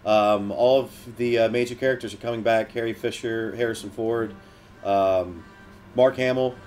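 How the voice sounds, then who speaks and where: A man's voice: lowish voice, fairly even intonation, normal speed, a little mellow, faint music behind. A man hosting a casual movie commentary track, chatty and full of ums and uhs as he reads off film facts. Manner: chatty, hesitant with many ums. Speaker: podcast host.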